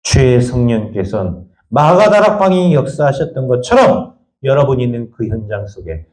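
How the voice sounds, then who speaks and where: A male pastor preaching a sermon, firing rhetorical questions at the congregation and swinging between raised high lines and quiet low asides. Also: sing-song, normal speed. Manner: emphatic, fires repeated rhetorical questions at the congregation. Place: church sanctuary. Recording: echoey church room.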